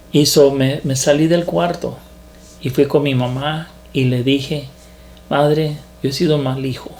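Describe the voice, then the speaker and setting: A man preaching his personal testimony in an earnest, halting manner, often repeating a word before going on. His voice sits at a middle pitch. Soft music plays faintly behind him. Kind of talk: testimony sermon.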